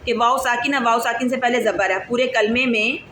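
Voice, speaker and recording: A woman's voice: fairly high pitch, fairly even intonation, fairly bright tone. Woman teaching recitation in an echoey room. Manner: patient, drills syllables slowly and asks pupils check questions. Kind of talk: online class lesson. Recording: echoey room with clear background noise.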